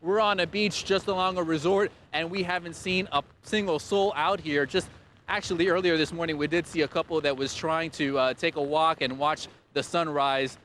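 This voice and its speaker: A man's voice: on the high side, steady tone, moderate pace, fairly bright tone. A man reporting live for TV news from a windy beach, with an urgent, projected delivery. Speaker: field reporter.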